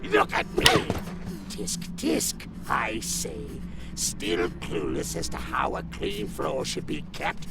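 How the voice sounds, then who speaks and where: A man playing a volatile, sadistic villain taskmaster with a gravelly voice and florid, theatrical taunts. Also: fairly low pitch, huge pitch swings, slow, exaggerated voice. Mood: menacing taunting. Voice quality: gravelly, creaky. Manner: florid, taunting, shrieking outbursts. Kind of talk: dramatic villain acting. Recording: heavy background noise.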